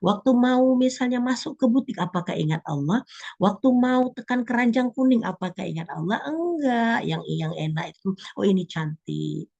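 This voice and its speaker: A woman giving a lively religious talk to women, often acting out little prayers and complaints. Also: fairly high pitch, moderate pace, vocal fry, muffled recording. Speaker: religious speaker.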